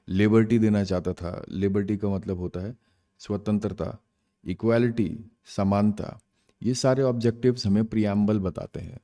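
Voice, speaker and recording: Young guy teacher doing exam prep class, lowish voice, kinda mellow, asks himself questions then answers. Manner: explains terms in Hindi and English, asks and answers own questions.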